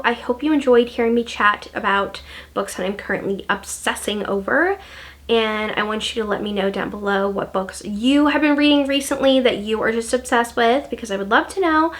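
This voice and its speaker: A woman's voice: on the high side, fairly bright tone. Gushing young woman chatting about books. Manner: gushing, filler-heavy chatter. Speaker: booktuber. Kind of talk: casual book recommendations.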